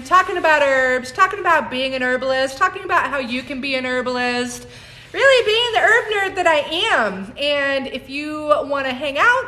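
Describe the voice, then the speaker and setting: A woman's voice: sits high, bright, forceful tone. A woman in her forties, a herbalist, chatting casually on a phone livestream, laughing often and greeting viewers by name. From United States. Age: 40s. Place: home on a mountain, indoors.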